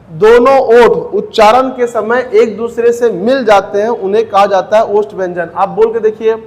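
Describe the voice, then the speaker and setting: A man teaches a Hindi grammar class for exam preparation, posing questions to the class and answering them himself, repeating key terms and saying each sound slowly. His voice sits high, and there's a long reverb tail.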